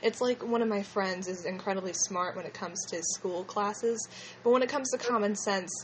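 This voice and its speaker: A woman's voice: mid-range voice, moderate pace, slight background noise, poor audio. A woman with a slushy lisp hosting a casual fan discussion in a hesitant, rambling way. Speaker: podcast host.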